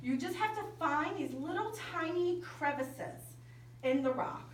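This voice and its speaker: A woman camp speaker telling a story in a lively sermon to young people. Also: extremely high pitch, unhurried, a little hiss or hum. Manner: lively, animated storytelling with quoted dialogue. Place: large indoor hall at a winter camp. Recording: echoey hall from far off.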